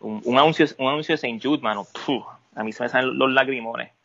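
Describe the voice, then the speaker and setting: Gravelly man, halting and candid. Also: mid-range voice, sharp tone, muffled recording. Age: adult. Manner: halting, candid, many restarts. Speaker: guest. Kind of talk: personal interview talk.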